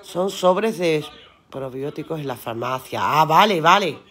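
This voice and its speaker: A woman's voice: sits low, animated, measured pace, a bit bright. Chatty, earthy woman streaming live. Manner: chatty, earthy, swears casually, laughs often. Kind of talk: casual live-stream chat reading viewer comments aloud.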